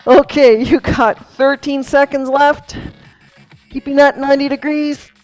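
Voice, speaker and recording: A woman's voice: sits high, fairly even intonation, unhurried, darkish tone, no room sound, low-quality recording. A woman fitness instructor leading a core workout class, chatty and encouraging and laughing often, demonstrating moves as she talks. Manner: demonstrating moves while talking. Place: fitness studio. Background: background workout music.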